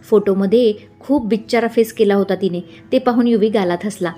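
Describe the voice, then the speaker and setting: A woman narrating a romance story in an even, calm reading voice. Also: medium pitch, fairly quick. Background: faint background music.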